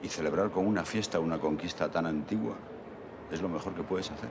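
An actor in his sixties playing a calm older man who gives measured advice. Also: deep voice, noisy background. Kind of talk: film dialogue.

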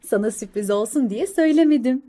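A woman's voice: fairly high pitch, fast talker, warm tone, lightly acted. A woman voicing a caring but firm mother squirrel in a storybook reading, with a motherly tone. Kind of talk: storybook character voice.

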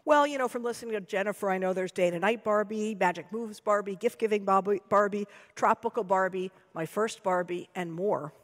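A woman's voice: medium pitch, fairly quick, few pauses, close to an everyday voice. Woman reading a nervous young boy, awkward, hesitant, American accent, reverberant hall. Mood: fumbling. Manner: hesitant, fumbling.

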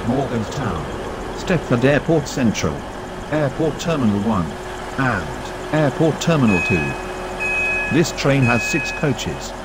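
Slow male station platform announcer. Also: mid-range voice, sing-song, very noisy. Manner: measured, evenly paced listing of stops. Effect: station platform public-address announcement. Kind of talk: recorded station announcement in a game.

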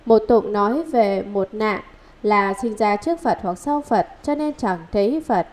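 A woman reading a Buddhist scripture commentary aloud in a measured, steady recitation, listing numbered points. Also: medium pitch.

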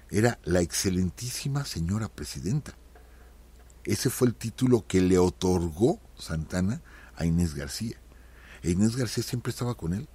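A man's voice: sits low, darkish tone, slightly rough. A man telling a history anecdote in a chatty way, often checking in with "¿sí?" and calling listeners friends. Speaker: radio history host. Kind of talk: storytelling history talk.

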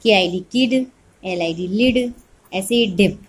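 A woman's voice: medium pitch, slight background noise. A woman teacher giving an online phonics lesson to small children, spelling words out letter by letter and answering her own questions. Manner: spells words letter by letter, then says them slowly; asks questions and answers them herself.

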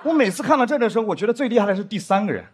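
A man performing a stand-up comedy set, telling stories and acting out drama scenes in a lowered voice. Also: racing. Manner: lively storyteller, acts out drama scenes in lowered voice. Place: theater stage before a live audience. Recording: live stage with crowd laughter and noise.

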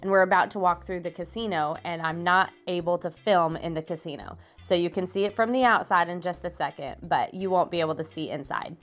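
A woman's voice: lowish voice, fairly quick, hardly any pauses, faint music behind. A woman giving chatty, appreciative travel vlog narration in a casual style. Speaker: travel vlogger.

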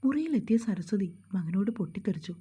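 A woman narrating a family story in a scripted way, often in a soft, breathy, near-whispered voice. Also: medium pitch, lively intonation, fast.

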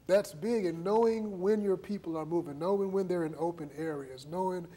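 A man in his thirties hosts a studio interview, speaking into a lapel mic. His voice sits a little high, and he talks in a conversational way, echoing and summarizing what his guests say. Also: fairly quick, warm tone. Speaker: TV talk show host. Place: TV studio set.

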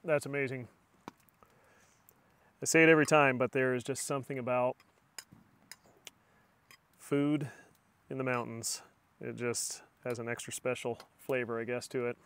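A middle-aged outdoor vlogger chats casually and tells relaxed stories inside a small tent at night for his camping vlog. His medium-pitched voice has a clean tone, moving at normal speed with frequent pauses. He's filmed first by a camera on a tripod, then on a phone held close at arm's length.

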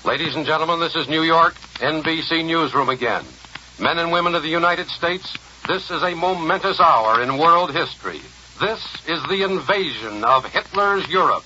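A man's voice: fairly high pitch, sharp tone, slight background noise. A man reading urgent war bulletins as a radio news announcer in a newsroom studio, with an old 1940s radio broadcast sound and a formal delivery. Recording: dull lo-fi 1940s radio archive.

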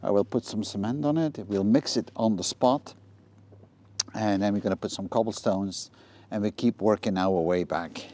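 A middle-aged man casually explaining a DIY renovation step by step while working outdoors, practical and a little halting with ums and uhs. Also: on the low side, mellow. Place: outdoors in a garden yard.

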